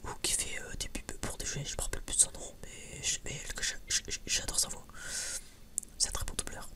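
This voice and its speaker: Whispering briskly, this ASMR creator uses a breathy, unvoiced voice and talks in a loose, hesitant ramble, as if speaking with the people watching.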